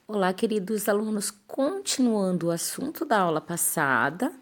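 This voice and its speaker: A woman teacher giving a lesson to schoolchildren, dictating words slowly and checking in with her pupils. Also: medium pitch, sing-song. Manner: slow, clear dictation, syllable by syllable. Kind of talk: classroom lesson for children.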